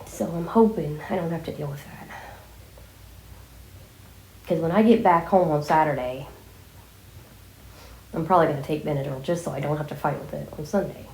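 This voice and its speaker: In a noticeably echoey room, a woman chats informally to her viewers. Her voice sits a little low, with the scratchy sore throat of someone fighting a cold. She rambles along casually, letting thoughts trail off. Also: normal speed, pauses often, dark tone. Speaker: vlogger addressing viewers. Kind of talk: casual chatty vlog.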